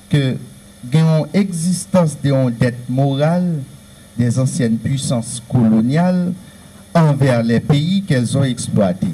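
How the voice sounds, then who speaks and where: A man's voice: medium pitch, dark tone, poor audio. A man with a Haitian Creole accent giving an earnest lecture-style talk, stressing his points through repeated lists. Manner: earnest, repetitive, emphatic listing. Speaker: speaker on Haitian history.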